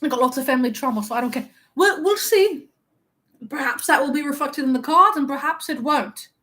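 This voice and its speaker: Speaking fairly quickly in her own high, fairly bright voice, a woman hosts a live-stream role-play as a vain young wizard who loves being complimented. He's playful and teasing with viewers, pretending to be wounded whenever they tease back.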